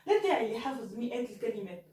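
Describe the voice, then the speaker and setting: A woman teaching Spanish in an online lesson, saying Spanish phrases slowly and clearly between quicker explanations. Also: on the high side, big pitch swings, mellow, reverberant, far from the mic, rough recording.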